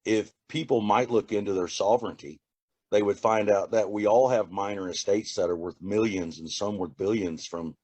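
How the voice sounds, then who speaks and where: Rambling, halting man with a dry sound. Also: lowish voice, fairly even intonation, a little mellow, husky, no echo. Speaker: TikTok poster. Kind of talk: casual talk to camera.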